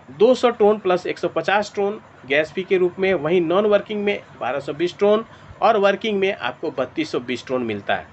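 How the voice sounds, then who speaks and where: A man presenting a money plan in an online meeting, walking through the figures step by step and calling the audience dear friends. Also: high voice. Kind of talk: sales presentation over a video meeting. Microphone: clip-on mic. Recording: dull lo-fi call audio with faint noise.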